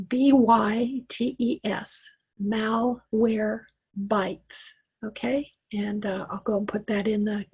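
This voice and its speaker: Heard through a computer mic on a video call, in a rough recording, this middle-aged woman from Wyoming teaches a live online tech class. Her voice runs on the high side, darkish in tone with a breathy edge, and her Western American accent hints at the South. Her chatty, reassuring coaching is packed with fillers and restarts.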